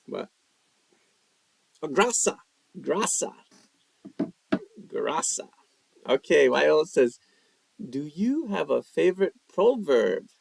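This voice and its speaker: A man whose first language is English hosts a live language-practice stream, casually reading chat questions from viewers and answering with lots of fillers. His voice is a little high and creaky with a sing-song quality; he takes it slowly and pauses often. There's slight background noise.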